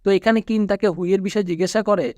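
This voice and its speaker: Narrator: male, Bangladeshi Bengali accent, high voice, dry close recording, even storytelling read. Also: fast, no room sound. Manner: steady storytelling recap, quoting characters flatly. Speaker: movie recap narrator. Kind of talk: scripted narration.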